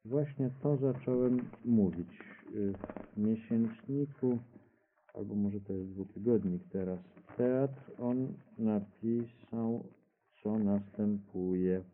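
A man's voice: fairly low pitch, slow, slight background noise. A man talking about his radio cabaret show in front of an audience, rambling and hesitant, often correcting himself. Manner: rambling, hesitant, self-correcting, reads quotes aloud. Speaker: radio cabaret creator answering questions. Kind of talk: unscripted public talk with audience questions. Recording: tinny lo-fi archive radio recording.

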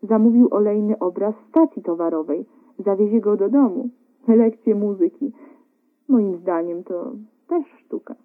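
A woman's voice: mid-range voice, unhurried, natural voice. A woman reading a cheerful young husband. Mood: boasting. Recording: narrow phone-like radio sound.

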